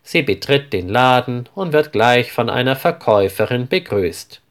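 A man reading a story aloud as narrator, in a clear, deliberate scripted style. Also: medium pitch, animated.

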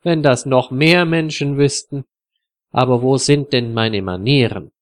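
A man voicing a flustered middle-aged hostess in a storybook reading, lifting his voice high and sounding fussy and short of breath. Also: a little slow, natural voice.

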